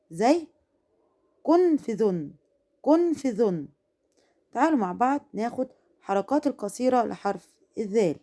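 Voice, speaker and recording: A woman with an Egyptian accent teaching an Arabic alphabet lesson to first graders, saying each word slowly and then repeating it. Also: a little high, dark tone. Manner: slow, exaggerated pronunciation and repeating each word. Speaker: primary school Arabic teacher. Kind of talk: recorded lesson for young children.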